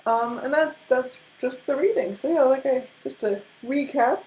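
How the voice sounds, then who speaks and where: A woman's voice: sits high, normal speed, a little mellow, a little hiss or hum, rough recording. A tired young woman with a stutter, giving a casual tarot card reading after very little sleep, with many restarts. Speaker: tarot reader.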